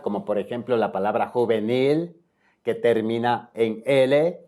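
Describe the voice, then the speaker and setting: A man from Ecuador hosts a spelling video lesson, his voice sitting at an ordinary middle pitch. He walks through each rule example by example. He keeps checking in with his viewers as he goes. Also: a little mellow. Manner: explains step by step, often checks in with viewers. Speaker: spelling tutor.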